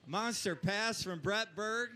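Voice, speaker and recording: High-voiced male tractor pull announcer. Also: slow pace. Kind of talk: live motorsport commentary with driver background and stats. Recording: clear engine and vehicle noise behind. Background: vehicle noise at a tractor pull.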